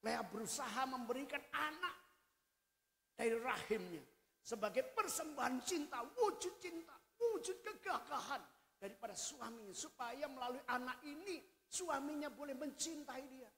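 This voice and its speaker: A male pastor preaching a sermon, swinging between quiet and loud delivery. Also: very high voice, animated, normal speed, gravelly. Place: hotel function room used for a church service. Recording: echoey hall reverb.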